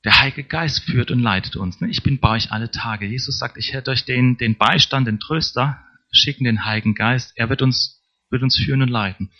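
Man, sermon, chatty delivery, middle pitch, dull lo-fi sound. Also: normal speed. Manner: conversational, tag questions to congregation. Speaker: preacher.

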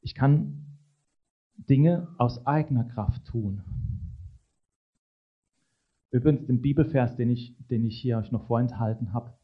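With frequent quick tag questions to keep the congregation engaged, a medium-pitched man delivers a conversational sermon. The sound quality is lo-fi.

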